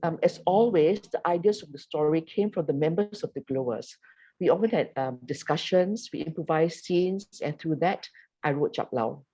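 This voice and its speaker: A woman who is a producer and playwright, explaining her radio play in a measured way with occasional ums. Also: low-pitched, mellow, slightly rough, poor audio. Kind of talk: prepared talk on a panel.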